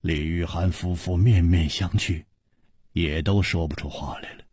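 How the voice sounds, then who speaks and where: A man narrating a traditional long-form story in an expressive way. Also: low-pitched, a little slow, husky, no echo. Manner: expressive, shifting voices for characters. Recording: dry studio broadcast.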